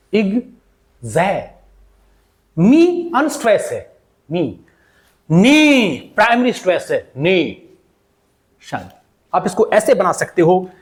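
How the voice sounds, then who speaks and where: A man with an Indian English accent teaching pronunciation in mixed Hindi and English, calling his viewers "beta" and repeating each word several times. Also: sits high. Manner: slow, repeats words many times for drilling.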